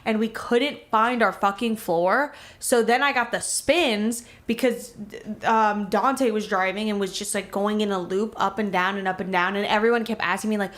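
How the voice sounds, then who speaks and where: A woman's voice: mid-range voice, moderate pace, few pauses, a bit bright. A young woman from Miami, a podcast co-host, telling a story in casual talk full of "like" and swearing. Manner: rambling, many "like" fillers, swearing.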